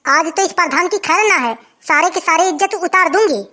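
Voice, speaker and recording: Performer playing old village woman, wailing, very high and bright. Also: moderate pace. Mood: complaining. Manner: wailing, complaining.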